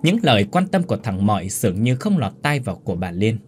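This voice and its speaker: A man narrating a horror story in a dramatic, expressive storytelling manner. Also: on the low side, fast, slight background noise.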